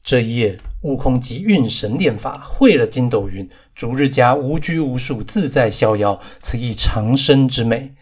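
Man, audiobook narrator, husky voice, measured storytelling, mid pitch. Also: animated, a little mellow. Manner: measured storytelling, chanting verses slowly. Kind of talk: classical novel audiobook reading.

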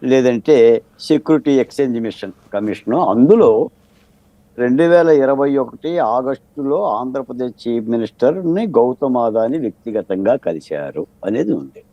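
A man playing a political analyst in a televised debate fires off rhetorical questions to press his argument from a TV studio set. He has an animated mid-range voice at a moderate pace, recorded with no echo and lo-fi sound.

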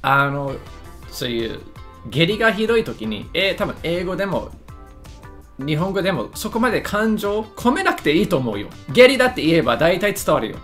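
A man's voice: sits high, very animated, normal speed, a bit bright, soft background music. A man giving casual, joking commentary on a lesson video, often stumbling over his words and making fun of himself. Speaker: YouTuber reacting to a lesson video.

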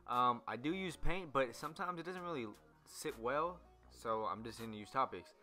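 Over soft background music, a young male barber narrates a casual haircut tutorial in a rambling way, full of fillers, ums and restarts. His mid-range voice is animated and sharp in tone, at a moderate pace.

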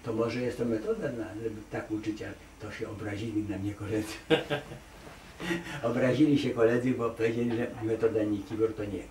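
A man's voice: lowish voice, darkish tone, far from the mic. A man talking emphatically and rambling a bit, stumbling over fillers and repeating himself for emphasis. He sits some way from the microphone in an echoey room. A faint hiss of noise runs underneath. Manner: emphatic, digressive, with many hesitations and repeated "nie". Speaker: artist interviewed as award laureate. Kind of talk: conversational interview answers.

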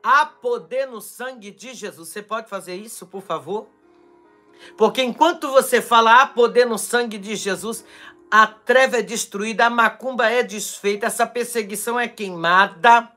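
A Brazilian pastor preaching a charismatic live-stream sermon with prophecy, fervent and shouting, then dropping to quiet asides, his throat strained from shouting. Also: very high-pitched, moderate pace, soft background music. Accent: Brazilian Portuguese. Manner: fervent, shouting, swings between loud cries and quiet asides.

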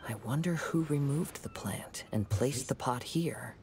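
A man voicing a calm, thoughtful young male wandering samurai in a video game, speaking in a measured way. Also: mid-range voice, noisy background, lightly acted.

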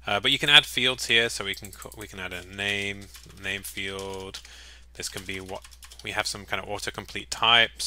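A man giving a casual, upbeat screen-recorded software tutorial, with chatty, jokey asides. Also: lowish voice. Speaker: software walkthrough presenter.

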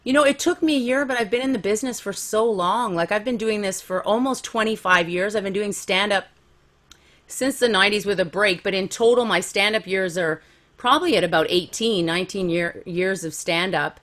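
A woman's voice: mid-range voice, a little fast, fairly bright tone. A woman in her forties, a comedian guest telling stories about her career in a frank, self-mocking way and laughing easily. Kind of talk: candid conversational storytelling.

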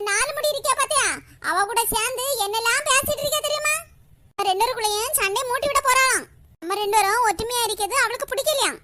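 A woman's voice: very high voice, background noise. A woman voicing a scheming older village mother-in-law in a cartoon, scolding bluntly with a Kanyakumari Tamil accent. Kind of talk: cartoon voice acting.

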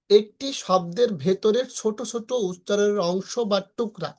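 A teacher giving a recorded online pronunciation class, explaining patiently, repeating points, checking understanding, and stretching example words slowly. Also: mid-range voice. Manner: patient, repetitive explaining with frequent check-ins.

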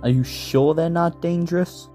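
A woman voicing a naive, anxious, dramatic youngster in an animated cartoon. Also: fairly low pitch, normal speed, faint music behind, lightly acted.

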